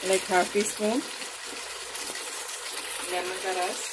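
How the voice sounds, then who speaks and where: A woman, casually talking through a home cooking recipe step by step, unhurried and full of fillers. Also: medium pitch, fairly even intonation. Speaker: home cooking channel host. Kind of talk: casual cooking tutorial voice-over. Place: home kitchen at the stove. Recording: loud cooking noise behind voice. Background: loud sizzling and frying from the pan.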